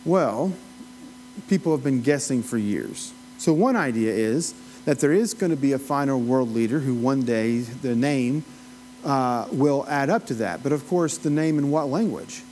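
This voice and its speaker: This Appalachian man from the United States leads a Bible study in a chatty, folksy manner, rambling off on tangents and quizzing his listeners as he lectures informally. His voice is medium-pitched, slightly slow and mellow, with a little hiss or hum on the recording.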